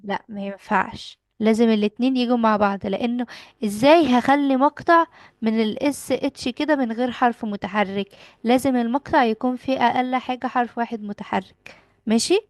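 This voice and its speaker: A young woman with an Egyptian Arabic accent gives a child an English lesson, patiently asking questions and repeating the answers. Her voice is a little high and a little fast, recorded at studio quality with no room sound.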